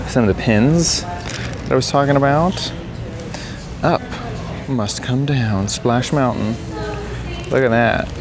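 Excitable man touring a shop. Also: medium pitch. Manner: excitable, exclaiming often, chuckling. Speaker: vlogger touring an antique mall. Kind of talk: casual walk-around vlog. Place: large indoor antique mall. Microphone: handheld camera held while walking.

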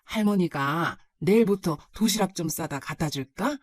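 Woman doing a sweet old grandma, soft and caring, dry close voice. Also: lowish voice, expressive, moderate pace, dry recording. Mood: tender, fussing. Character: elderly grandmother, gentle and doting. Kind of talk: storybook narration.

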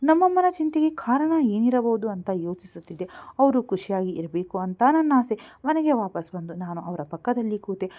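Woman reading a story out loud, calm and steady, warm mellow voice. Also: fairly high pitch, moderate pace. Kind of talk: scripted story narration.

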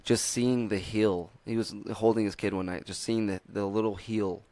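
This is a hoarse young man on a comedy podcast, his voice rough from shouting. He talks low, casual and full of swearing, laughing now and then. The sound is close and dry, with no room behind it. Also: fairly even intonation, normal speed, no echo. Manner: laid-back, profane, laughs often. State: hoarse from yelling. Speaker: podcast co-host.

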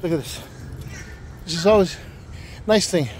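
A man's voice: high voice, measured pace. Chatty middle-aged man on a walking tour. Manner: chatty, greets passers-by. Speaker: vlogger giving a walking tour. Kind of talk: casual walking-tour narration. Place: outdoors on a windy waterfront causeway park. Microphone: handheld camera while walking. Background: faint wind and outdoor ambience.

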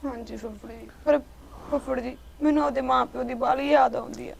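Soft, subdued young woman. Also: high-pitched, fairly even intonation, brisk, gravelly, breathy edge. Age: young adult. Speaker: grieving niece.

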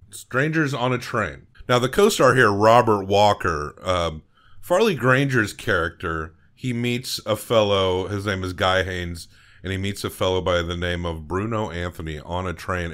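Brief: relaxed podcast co-host, male, somewhat low pitch, informal movie talk at a desk mic. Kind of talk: casual film discussion. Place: small home studio room. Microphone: desk microphone.

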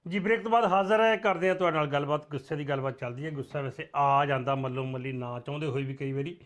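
A man hosting a call-in talk show, speaking in a somewhat raised voice. He is friendly and lively, spinning folksy anecdotes and handling callers. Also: a little high, quick pace. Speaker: host.

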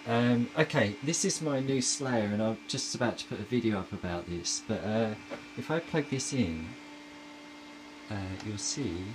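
A man's voice: fairly low pitch, expressive, moderate pace. A man who tinkers with electronics, casually asking his viewers a question and hesitating often with ums and uhs. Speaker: electronics hobbyist. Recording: noisy home video recording.

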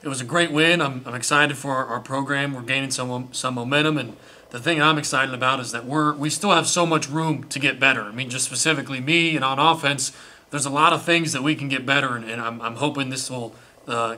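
A young college quarterback answers post-game press questions earnestly in an indoor press room in front of a sponsor backdrop, restarting often. His medium-pitched voice is steady, brisk, pushed, and bright.

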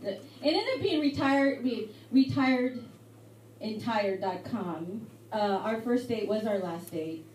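A young woman from Mexico doing a live stand-up set in a pub, with a halting, rambling delivery full of fillers. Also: a little high, far from the mic, slight background noise. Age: young adult. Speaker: stand-up comedian. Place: hotel pub comedy night. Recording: echoey live room miked from afar with loud crowd. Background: audience chatter and laughter.

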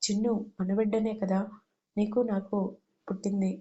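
A woman's voice: mid-range voice, little pitch movement, moderate pace, dark tone, muffled recording, close to an everyday voice. A woman reading the part of a heartbroken young woman who reproaches her lover in an emotional way. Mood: tearful.

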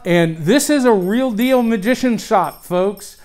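A man's voice: high voice, expressive, measured pace, darkish tone, faint music behind. Enthusiastic male vlog host. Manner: upbeat, enthusiastic introductions. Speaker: show host. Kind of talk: casual vlog hosting.

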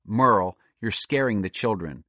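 A man voicing a sensible, calm female squirrel in a storybook. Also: fairly low pitch, moderate pace, no room sound. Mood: calm reassuring.

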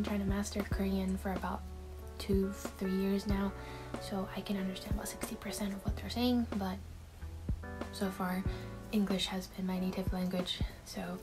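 A woman's voice: mid-range voice, little pitch movement, unhurried, over music, poor audio. A woman in her twenties from Taiwan, chatting casually to camera in a Q&A vlog from her bedroom, with frequent fillers and little laughs. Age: 20s. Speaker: vlogger.

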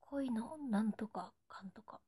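A young woman with a Nagoya accent playfully chats on a casual live stream, reciting short cute phrases fans request. Her fairly high voice is warm and husky, and she speaks a little slowly.

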